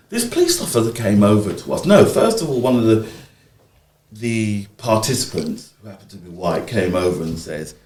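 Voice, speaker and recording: Animated storytelling man in an echoey room. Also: lowish voice. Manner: animated, acts out quoted speech. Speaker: interviewee, community organiser. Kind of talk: conversational storytelling.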